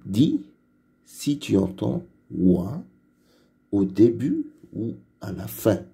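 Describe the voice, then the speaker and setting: A man teaching children to read, repeating each word slowly and clearly in a patient phonics lesson. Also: lowish voice, huge pitch swings, mellow. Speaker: reading teacher. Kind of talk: slow, deliberate phonics lesson for young children.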